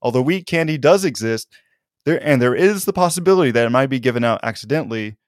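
A man's voice: medium pitch, animated, fast, no echo, clean studio sound. A man co-hosting a casual podcast chat, reading facts aloud and laughing often. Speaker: podcast co-host.

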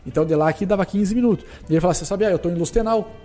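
Brazilian man, footballer guest, rapid animated storytelling, dark voice, faint music behind. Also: high voice. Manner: animated, repetitive, acts out dialogue. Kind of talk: casual storytelling.

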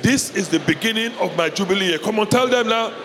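A pastor preaching a sermon with passion, repeating phrases and leading the congregation in call-and-response. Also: male voice, sits high, fast. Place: church hall. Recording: reverberant hall with faint background noise.

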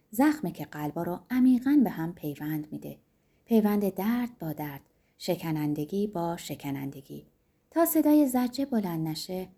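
Soft-spoken woman reading a story, mellow husky voice. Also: medium pitch. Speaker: audiobook narrator. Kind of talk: scripted narration.

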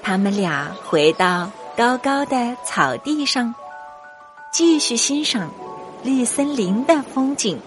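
A woman's voice: fairly high pitch, animated, takes it slowly. A woman narrating a scripted story for young children as a storyteller. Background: music.

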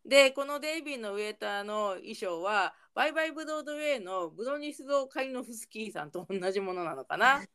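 A woman's voice: fairly high pitch, lively intonation, fast talker, few pauses, a bit bright, smooth. A woman chatting casually while recapping a TV episode, narrating the action and adding small asides of her own.

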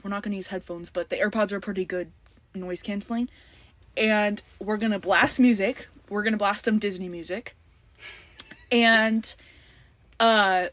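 A woman's voice: mid-range voice, fairly bright tone, dry recording. A teenage girl hosting a casual podcast among friends, chatty and bubbly, saying "like" a lot. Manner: chatty, bubbly, says "like" often. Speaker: podcast host.

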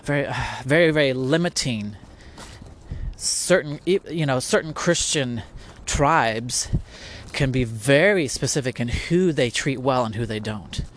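A man's voice: mid-range voice, unhurried, slight background noise. A man hosting a podcast, talking through a topic in a casual, reflective monologue full of restarts and rhetorical questions.

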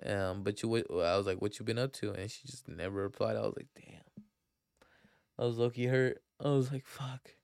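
A man's voice: lowish voice, moderate pace, vocal fry, darkish tone, dry recording, clean studio sound. A young man hosting a casual solo podcast, rambling in a crude, profane, slang-heavy way into a computer mic. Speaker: podcast host.

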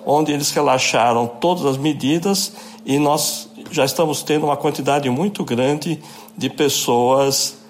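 A man, an epidemiologist being interviewed, explaining in a measured way with occasional thinking pauses. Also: on the high side, a little hiss or hum. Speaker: epidemiologist guest. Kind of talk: expert interview answers.

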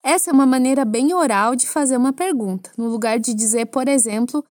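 A Brazilian woman teaching French to Portuguese speakers, explaining clearly and patiently with playful asides. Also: fairly high pitch, a little fast, a little mellow, no echo, clean studio sound. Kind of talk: language lesson for Portuguese speakers.

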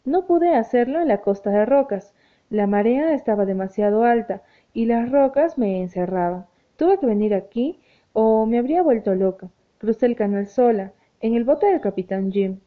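A woman's voice: on the high side, animated, moderate pace, close to an everyday voice. A woman voicing an anguished, restless young woman who speaks in an agitated, pleading way, in an audiobook reading. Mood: distressed. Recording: tinny phone-like sound.

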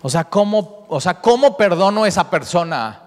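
A man's voice: sits high, animated, normal speed. Earnest male pastor in a reverberant hall. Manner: earnest, repeats himself, often rephrases with "o sea". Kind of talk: sermon. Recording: long reverb of a large hall.

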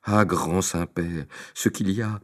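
A man's voice: low-pitched, fairly even intonation, slow, voice pushed up. A man voicing a sly young rascal in a storybook reading, wailing in melodramatic, put-on distress. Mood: fake distress. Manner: pleading, melodramatic.

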